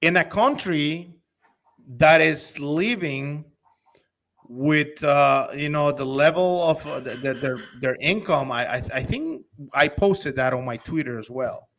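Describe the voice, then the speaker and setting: A man's voice: fairly high pitch, a little slow, fairly bright tone. Eager persuasive man from Honduras. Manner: persuasive, eager, many restarts. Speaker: crypto company executive and investor. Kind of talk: casual interview talk.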